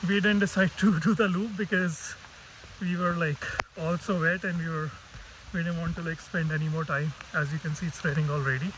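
A man's voice: fairly high pitch, steady tone, fairly quick, noisy background. A man giving casual vlog narration as he hikes outdoors. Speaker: hiking vlogger. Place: outdoors on a rainy mountain trail. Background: rain and music.

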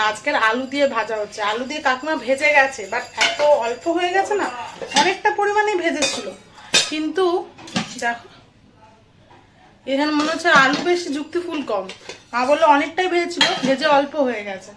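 A woman's voice: high voice, background noise. A young woman from West Bengal, a mother chatting casually to viewers from her home kitchen in a homely vlog. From West Bengal, India. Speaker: vlogger, mother.

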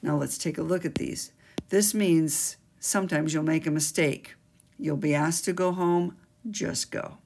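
With a deep, creaky, slightly mellow voice and a measured pace, an older school staff member lays out gym rules for students in an emphatic, sing-song manner. She's filmed for an instructional video by a webcam at her desk in a small office, with a little hiss or hum.

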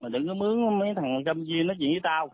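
A man's voice: on the high side, expressive, rapid-fire. A man arguing heatedly on a phone call, blunt, insulting and threatening. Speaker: caller. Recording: tinny phone line, dry.

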